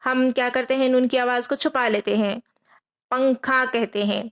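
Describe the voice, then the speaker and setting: A woman teaching a Quran reading lesson, patiently repeating each rule, asking her students questions and slowly spelling out letters. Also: on the high side, steady tone. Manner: patient, repeats rules and asks rhetorical questions.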